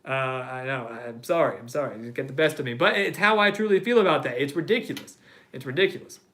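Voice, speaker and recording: Guy hosting a live sports chat, gets worked up and repeats himself, sharp bright tone. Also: medium pitch, animated, fast talker. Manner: heated ranting, repeats phrases for emphasis. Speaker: host of a live sports show. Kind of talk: live-stream sports talk reading chat comments.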